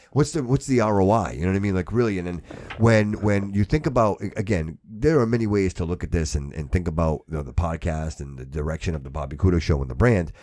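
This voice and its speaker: A man with a deep, mellow voice hosts a podcast, recorded with no room sound. His chat is casual, emphatic and full of slang, and he often repeats himself for stress while calling the listener bro and dude.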